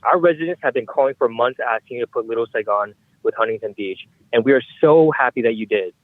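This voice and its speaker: A man's voice: medium pitch, fast, dry recording. A man calling in to public comment who speaks in an earnest, urgent way. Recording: tinny dry phone line.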